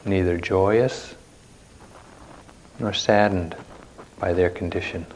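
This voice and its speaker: With a deep, steady voice, a man teaches a guided meditation live at a retreat, speaking in short, deliberate phrases punctuated by long pauses. There's slight background noise and the audio is poor.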